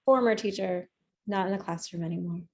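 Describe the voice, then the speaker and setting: A woman's voice: medium pitch, fairly quick, darkish tone. A woman, a former teacher now on a support team, introducing herself on a video call with enthusiasm.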